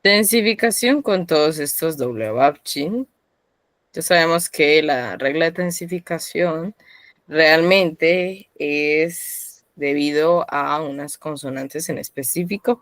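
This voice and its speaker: A woman leads a live online language lesson in a low, unhurried voice. She calls on students by name and corrects them patiently. Her voice sounds dry and close, with no room echo. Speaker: Korean teacher.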